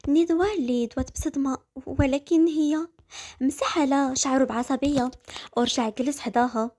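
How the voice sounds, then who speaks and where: Woman, Moroccan accent, high voice, dramatic story narration, brisk and vivid. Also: fairly even intonation, mellow.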